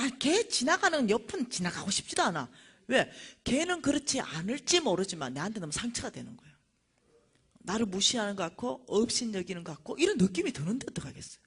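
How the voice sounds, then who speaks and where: A middle-aged woman, lecturing at a church and telling a personal testimony with animated storytelling. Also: mid-range voice, husky. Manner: animated storytelling, acting out dialogue.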